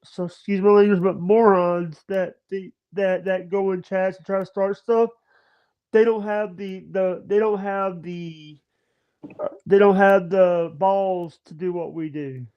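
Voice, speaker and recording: A man in his thirties chatting on a livestream video call, talking in halting bursts with many stammers and restarts. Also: sits high, fairly even intonation, smooth. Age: 30s. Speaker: livestream guest. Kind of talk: casual chat. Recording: dull lo-fi stream audio.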